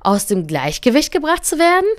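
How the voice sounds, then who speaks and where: A man's voice: very high voice, wildly swooping pitch, fairly quick, pitched above the performer's own voice, heavily acted. A woman voicing a small male fish in a storybook tale, incredulous and teasing. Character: small young male fish, cheeky and puzzled.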